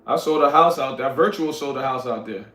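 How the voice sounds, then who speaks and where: A Liberian man hosts a casual livestream, reading chat and talking to viewers in a laid-back, slangy way, calling them "y'all." His medium-pitched voice is quick, bright and forceful, and the recording sounds roomy and echoey.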